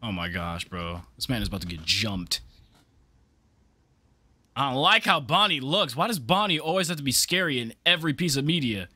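A young man on a headset mic, commenting casually on a video and shouting and swearing whenever something jumps out. His voice is bright and keeps swinging up and down in pitch. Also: normal speed, no echo. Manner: animated, exclaiming and swearing at jump scares. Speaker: reaction video host. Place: gaming room at a desk.

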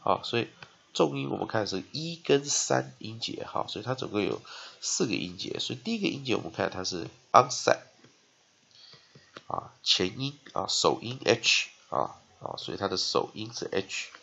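A man teaches an English spelling and phonics lesson in Taiwanese-accented Mandarin, his lowish voice animated, pushed and bright, husky with vocal fry, and the highs cut off. He often drags out and repeats syllables and ends phrases with a "ha" tag.

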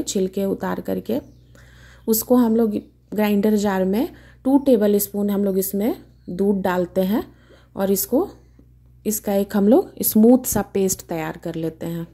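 Her voice is mellow and mid-range as she hosts her own cooking show from home. Standing in her kitchen, she walks through the recipe step by step in a chatty, homely way.

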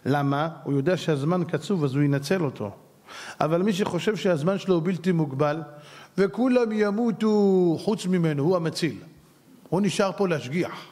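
A man, a rabbi, preaching a lively sermon with humorous stories, dramatic and rising to shouts for emphasis. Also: fairly high pitch. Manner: animated, dramatic storyteller who rises to shouts for emphasis. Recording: long hall reverb.

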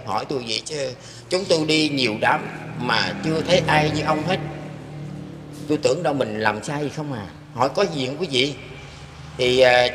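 Older man rambling earnestly, echoey room. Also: mid-range voice. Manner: earnest and rambling, often turning to address the listeners. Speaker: interviewee telling his own experience. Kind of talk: casual spoken storytelling. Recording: echoey room with long reverb and faint background noise.

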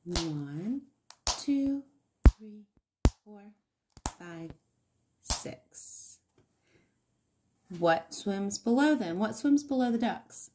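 Female preschool teacher for a kids' counting video. Unhurried, animated intonation, encouraging, pauses for the child to reply. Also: medium pitch, a little hiss or hum. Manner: encouraging, sing-song, pausing for answers. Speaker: early-years teacher hosting an online circle time. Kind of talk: child-directed counting lesson with questions to viewers.

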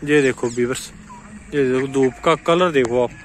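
A man's voice: medium pitch, normal speed. A man with a Rajasthani Hindi accent, a poultry farmer who talks to viewers while walking his farm, filmed on a phone outdoors. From India. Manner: chatty, keeps addressing viewers, points things out. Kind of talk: casual farm walk-through vlog. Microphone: phone camera held by the filming speaker. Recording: faint outdoor background noise. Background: chickens and birds clucking.

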